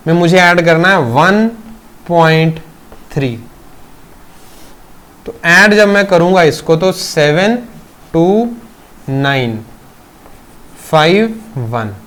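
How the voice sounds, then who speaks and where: A man teaching a physics class, explaining step by step and checking understanding with questions, mixing in English terms. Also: sits high. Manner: mixes Hindi with English terms, addresses students as beta. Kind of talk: classroom lecture. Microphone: teaching video recording.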